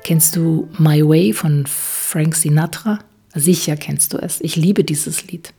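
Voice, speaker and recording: A woman voicing an eager, curious middle-aged mother in an audiobook, in a breathy, husky voice. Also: low voice, slow, mellow, soft background music, full character voice.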